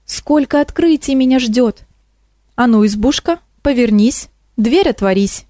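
A woman voicing a curious, excitable old woman who teaches nature studies, fussing and exclaiming in a storybook reading. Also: on the high side, unhurried, no room sound, clean studio sound, pitched above the performer's own voice. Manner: fussy, excitable.

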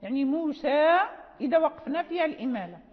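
A woman teaching Quran recitation rules, explaining slowly and repeating phrases with checking questions. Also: high-pitched, lively intonation. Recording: dull lo-fi sound in a reverberant hall.

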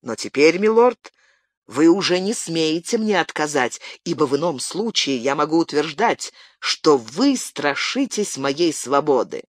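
A proud, impulsive young nobleman, played by an audiobook reader, bursts out with fervent declarations. The delivery swings widely in pitch. It sounds dry and close, with no room around it. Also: big pitch swings, unhurried, dry recording. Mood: pleading. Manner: fervent, exclamatory outbursts. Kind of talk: audiobook character reading.

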